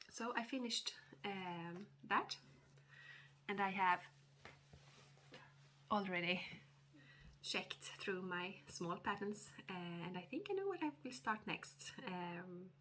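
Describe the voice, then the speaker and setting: A woman with a cold, sounding a little nasal, giving a casual stitching update vlog with many hesitant fillers and throat-clearing. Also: mid-range voice, animated, takes it slowly, long pauses, a bit bright, slight background noise. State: has a cold, slightly nasal. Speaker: cross-stitch vlogger.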